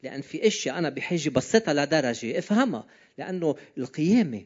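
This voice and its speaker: A man's voice: a little high, very animated, rapid-fire. A man with a Levantine, Lebanese Arabic accent gives an informal sermon, talking conversationally and often putting questions to his listeners. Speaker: preacher. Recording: slightly dull, lo-fi sound.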